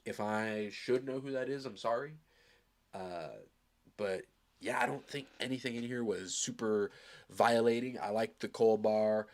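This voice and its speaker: A man with a somewhat low voice talks in a loose, rambling way, full of fillers and quick restarts. He sounds upbeat and casual, like a host reacting live to a track. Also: darkish tone, slight background noise. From Arizona.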